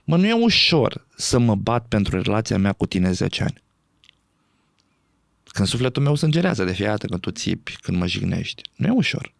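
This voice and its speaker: Lively gravelly man talking. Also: lowish voice, dry recording, studio quality. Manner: animated, acts out quoted speech, laughs often. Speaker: podcast guest. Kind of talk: conversational podcast talk.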